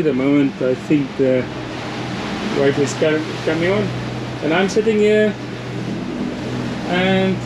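A man in his fifties, a solo sailor, explaining things casually with restarts and chuckles, filming himself with a hand-held camera on a sailing catamaran at sea. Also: a little high. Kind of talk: casual vlog. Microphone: camera held at arm's length. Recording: loud wind and boat noise. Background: wind, water and engine noise.

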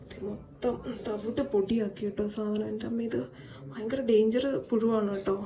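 A woman's voice: medium pitch, steady tone, moderate pace, a crowd in the background. A woman, chatting to her viewers in a casual family vlog. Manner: chatty, addresses viewers, frequent "kettō" tags. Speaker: vlogger.

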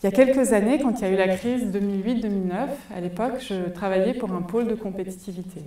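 A woman in her forties gives a live talk from a cinema stage, her dark, mellow voice unhurried and full of thoughtful fillers. She wears a headset mic, yet she sounds set back in a large reverberant hall. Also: mid-range voice. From France. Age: 40s. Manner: thoughtful, many hesitation fillers. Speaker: conference speaker. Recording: echoey hall, voice from far off.

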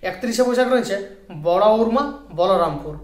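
A man's voice: high-pitched, animated, brisk, echoey room. A man reading a booking list aloud in a repetitive, patterned way and asking listeners to comment. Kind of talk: read-aloud list, informal narration.

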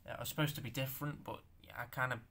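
A young man with a bright, forceful voice shows off his handmade figures in a loose show-and-tell. He stammers, restarts and swears as he goes, and he sounds unused to talking out loud. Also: mid-range voice, fairly even intonation. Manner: halting, stammering, swears, self-conscious. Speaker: stop-motion creator showing his figures.

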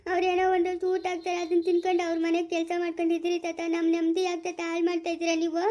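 A frightened young village girl, acted by a woman in an amateur family drama, begging in tearful rural Chikkaballapura Kannada. Her voice is very high and flat in melody, and she talks fast. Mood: tearful pleading. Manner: pleading, tearful.

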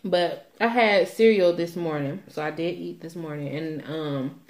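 A young woman vlogger hosts an eat-with-me video, chatting casually to camera in a playful, rambling, folksy way. Her voice sits on the low side, a little mellow, at a measured pace. The phone recording in a small indoor room gives it a roomy echo.

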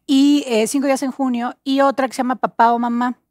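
A woman's voice: high-pitched, level tone, fairly quick, a little mellow, dry recording. A woman, an actress guest talking about her work in an easygoing, self-assured way. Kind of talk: casual chat.

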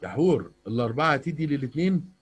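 A man with an Egyptian accent tutors a young pupil in math over a video call. He talks quickly in a husky voice, asking patient, coaxing questions and walking her through each step. The sound comes through an online call. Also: mid-range voice, lively intonation. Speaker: math teacher.

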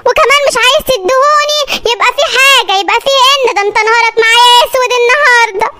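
A performer voicing a jealous, nagging wife in an animated sketch, speaking with an Egyptian accent. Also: a little hiss or hum. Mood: accusing. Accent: Egyptian Arabic. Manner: shrill, nagging, quick-tempered. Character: jealous shrill wife accusing husband.

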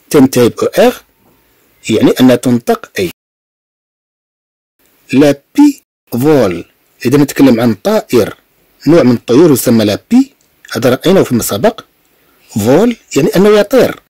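A man with a Moroccan Arabic accent teaching a French lesson, patiently repeating words slowly and explaining them step by step. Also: a little high, mellow, husky, dry recording. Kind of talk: language lesson with pronunciation drills.

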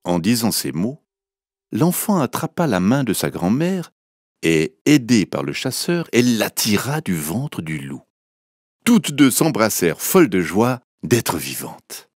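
A man reading a fairy tale aloud for children, in a gentle, unhurried, expressive storytelling manner. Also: fairly low pitch, no echo, studio quality.

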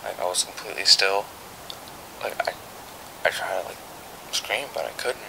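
A young man telling a rambling story to camera late at night in a hushed, half-whispered voice, swearing casually. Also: low voice, normal speed, poor audio. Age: young adult. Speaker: vlogger. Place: small bedroom at night, indoors.

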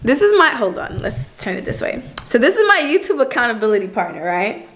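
A woman's voice: a little high, big pitch swings, fairly quick, noisy background. A woman hosting a casual vlog, chatting loosely with plenty of fillers. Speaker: vlogger host. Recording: echoey room.

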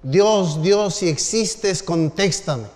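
A man voicing a defiant skeptical middle-aged lawyer who shouts up to the heavens, in a sermon story. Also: medium pitch, fairly even intonation, takes it slowly. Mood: shouting defiant. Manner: loud anguished calling out. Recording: long hall reverb.

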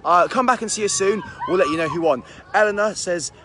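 An upbeat man hosting a live stream in the open air, chatting energetically and greeting viewers by name. His voice sits a little high for a man and comes through a phone mic, with faint background noise from outside. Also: fairly quick. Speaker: holiday park entertainer and live stream host. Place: outdoors at a busy holiday park.

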